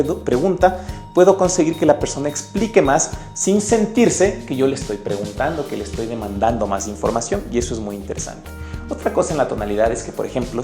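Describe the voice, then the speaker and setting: A man's voice: medium pitch, warm tone. A man presenting a sales book summary in an upbeat, emotive way, speaking straight to the viewer. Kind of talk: animated sales lesson. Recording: echoey room with faint music.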